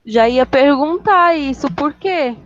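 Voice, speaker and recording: High-pitched woman student, casual remarks, amused and quick to laugh. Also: lively intonation, muffled recording.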